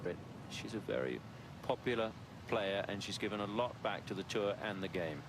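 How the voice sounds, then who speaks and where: A man's voice: fairly low pitch, moderate pace, noisy background. A man giving broadcast golf commentary, calling shots and summing up the state of play. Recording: loud music bed under broadcast commentary.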